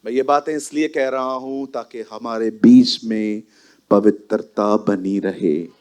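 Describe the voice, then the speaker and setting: A male pastor preaching a sermon in a church hall, animated and emphatic, often slipping English phrases into his talk. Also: on the low side, takes it slowly.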